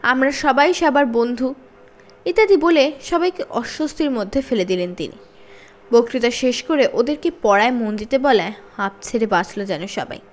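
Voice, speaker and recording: Telling a story for children, a woman reads expressively like a storyteller. Her high voice moves through lively swings in pitch.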